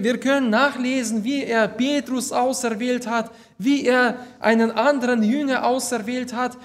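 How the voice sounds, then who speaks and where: A man preaching a sermon, reading Bible verses aloud and explaining them slowly and deliberately, with some hesitations. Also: very high voice.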